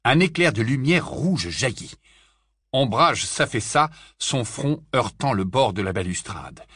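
A man reading a fantasy novel aloud as an audiobook narrator, with expressive storytelling. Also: mid-range voice, a little slow, slightly rough, dry recording, clean studio sound. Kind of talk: scripted narration.

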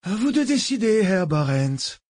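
Man doing a mocking german officer, lazy amused drawl, voice pushed up high. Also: big pitch swings, measured pace, a little mellow, dry recording, studio quality, exaggerated voice. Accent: German words in his speech.

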